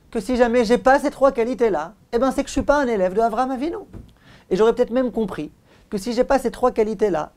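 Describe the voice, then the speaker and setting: The speaker is a rabbi with a high-pitched voice, lecturing on Torah. He drives his points home through repetition and rhetorical questions, teaching in a didactic, emphatic manner while his phrase endings drop softly.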